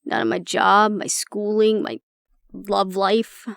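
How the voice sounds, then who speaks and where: In an intimate audio roleplay, a woman acts as an exasperated agent venting to the listener about her stubborn, disapproving father, sounding frustrated and resigned. Her creaky, mid-pitched voice is steady and slow, recorded close and dry with no echo. She speaks bluntly, sardonically and conversationally, swearing as if confiding in one person.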